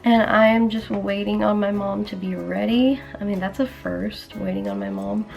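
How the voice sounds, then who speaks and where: A young woman vlogging in a casual, chatty way, filling her talk with "like", her voice still rough from the morning. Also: medium pitch, fairly even intonation, normal speed, a little mellow, faint music behind. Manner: chatty, many "like" fillers. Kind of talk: casual vlog chat. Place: indoors at home, then a hospital.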